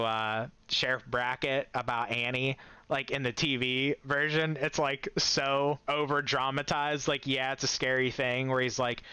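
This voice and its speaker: A man's voice: mid-range voice, pushed and bright, clear, resonant tone, no room sound. A man giving a casual, enthusiastic movie-ranking commentary, chuckling often and rambling with restarts. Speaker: movie reviewer.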